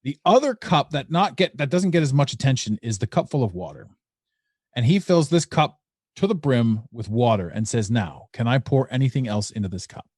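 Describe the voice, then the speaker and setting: A man hosting a podcast, talking casually and telling an analogy story in an animated way. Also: medium pitch, brisk, no room sound, studio quality. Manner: tells stories with analogies, animated retelling. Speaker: podcast host.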